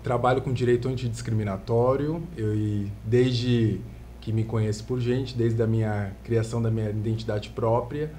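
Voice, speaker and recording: A man from Santos with a Brazilian Portuguese accent, a lawyer explaining his field in calm, measured terms as a podcast guest. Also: medium pitch, slight background noise. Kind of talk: podcast interview. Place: podcast studio.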